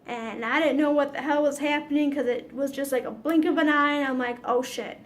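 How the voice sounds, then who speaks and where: A woman with a high, light voice tells a story straight to her viewers. She is chatty and dramatic, and she drops swear words casually. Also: fairly even intonation, a little fast. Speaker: vlogger.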